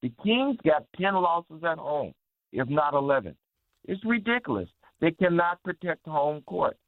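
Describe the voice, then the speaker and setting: A man's voice: fairly high pitch, sing-song, unhurried, dry recording. A man calling in to a sports radio show over the phone, complaining in a frustrated rant. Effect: heard over a phone line. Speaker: radio call-in caller. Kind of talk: casual sports call-in chat. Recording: tinny dry phone line.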